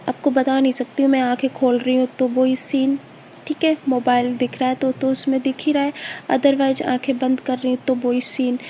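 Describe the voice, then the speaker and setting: A young woman talks over her makeup video at home at night, recorded on her phone. Her voice sits a bit high but stays flat and mellow. She rambles casually, with many fillers and restarts. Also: slight background noise. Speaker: bridal makeup artist and vlogger.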